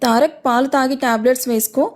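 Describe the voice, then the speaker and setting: A woman voicing a firm, doting middle-aged mother in an audio story, brisk and bossy. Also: sits high, fairly even intonation, natural voice.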